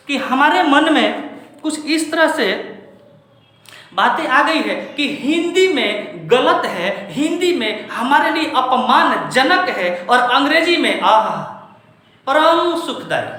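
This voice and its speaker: A man's voice: very high-pitched, bright, forceful tone. A man from India giving a spoken lesson, lecturing in a rhetorical way and putting questions straight to his listeners. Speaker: teacher. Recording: very echoey room.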